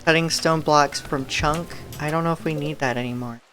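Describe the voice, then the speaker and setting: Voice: mid-range voice, fairly even intonation, normal speed, fairly bright tone, faint music behind. A live streamer giving casual gameplay commentary, musing aloud and thinking through each choice.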